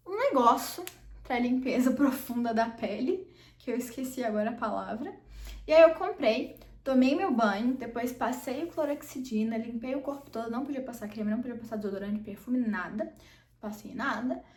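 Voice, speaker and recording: A woman's voice: a little high, recorded from a distance. Chatty young woman in a roomy space. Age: young adult. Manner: chatty, animated, acts out quotes. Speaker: vlogger. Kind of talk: casual storytelling vlog.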